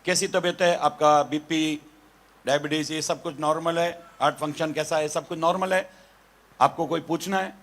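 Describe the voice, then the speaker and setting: A man voicing a male doctor in a told joke, in a soft, quieter voice. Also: on the high side, fairly even intonation, normal speed, voice pushed down. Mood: reassuring. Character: male doctor, calm, then joking darkly.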